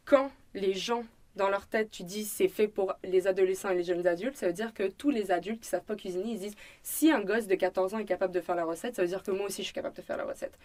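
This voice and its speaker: A woman's voice: medium pitch, fast, few pauses, darkish tone. A young woman with a French accent telling her story in a casual interview, chatty, with many fillers, acting out bits of dialogue. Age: young adult. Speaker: restaurant owner and student guest.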